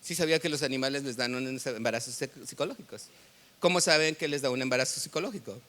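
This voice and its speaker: A man's voice: mid-range voice, fast, sharp tone. A man with a Mexican accent preaching a sermon as pastor, telling stories in a conversational way and quizzing the congregation.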